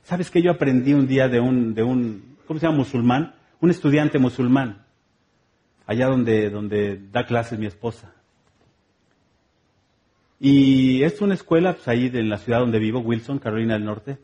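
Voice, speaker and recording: A man's voice: medium pitch, moderate pace, warm tone, dull audio. A man with a Mexican accent preaching a sermon in a conversational, humorous way, repeating phrases rhythmically.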